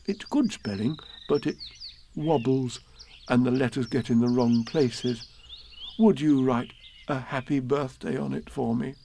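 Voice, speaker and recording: A man voicing a gentle, simple-minded male bear who talks earnestly, in a storybook read-aloud. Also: mid-range voice, steady tone, unhurried, vocal fry, slight background noise. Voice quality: earnest, soft-spoken.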